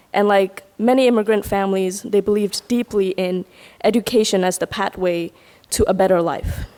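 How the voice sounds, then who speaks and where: A young woman from Guyana, a student, reads a prepared personal speech to a room. She delivers it in an earnest, reflective, steady manner, at a medium pitch. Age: young adult. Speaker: student speaker. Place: lecture hall at a summit.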